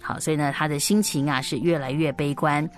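Hosting a children's story show, this woman talks in lively, simple explanations as if to little kids, often closing sentences with soft particles. Her voice sits low, she speaks fairly quickly, and faint music plays behind her.

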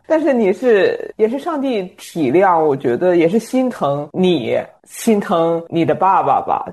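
A woman's voice: fairly low pitch, a little mellow. Encouraging woman host, laughing often. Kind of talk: casual faith conversation.

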